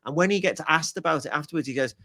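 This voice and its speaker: A middle-aged man, talking in a fairly high voice. He chats casually as a podcast guest, telling lively stories and laughing often. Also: rapid-fire, no echo, studio quality. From Liverpool, England. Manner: animated, storytelling, laughs often. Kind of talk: casual chat.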